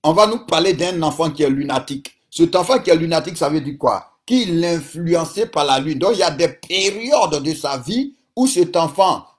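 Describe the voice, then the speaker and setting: Man preaching hard, voice a bit on the high side, repeats his declarations over and over. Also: lively intonation, moderate pace, few pauses. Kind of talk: sermon and prayer.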